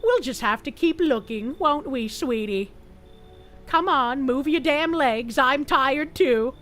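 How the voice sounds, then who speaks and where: A woman's voice: sits high, lively intonation, slow pace, a bit bright, faint music behind, heavily acted. Woman doing a folksy, pushy country husband. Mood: polite, ingratiating. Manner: folksy, overly courteous, falsely sweet. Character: polite, pushy middle-aged country husband.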